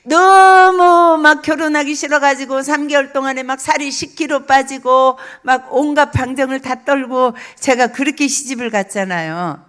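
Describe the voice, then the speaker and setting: A middle-aged woman preaching a lively sermon, telling stories and acting out quoted speech, repeating phrases for emphasis. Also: sits high, normal speed, hardly any pauses.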